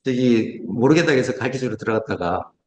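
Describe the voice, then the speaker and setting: Male lecturer in his 40s, very fast, lively pitch, echoey room recording. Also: slight background noise. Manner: rapid, conversational, rhetorical questions. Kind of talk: online lecture.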